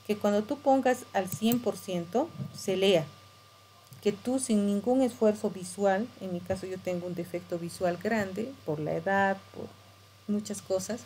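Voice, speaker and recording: A woman's voice: mid-range voice, warm tone, a little hiss or hum, poor audio. A middle-aged woman teacher, explaining patiently and checking in with tag questions. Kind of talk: screen-share tutorial lesson.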